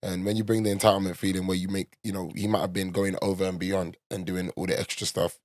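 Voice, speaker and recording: A man's voice: sits low, little pitch movement, quick pace, a little mellow, no echo, clean studio sound. A man with an urban London accent, talking like a roadman in casual, opinionated, slang-heavy and sweary chat. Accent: London, urban street.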